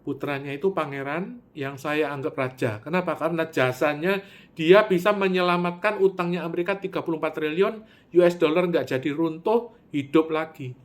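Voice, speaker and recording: Man, slightly high voice, animated monologue with sharp swings in volume. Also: normal speed. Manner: animated storytelling, with sudden loud pitch jumps and drops to near-mutter; Javanese words mixed in.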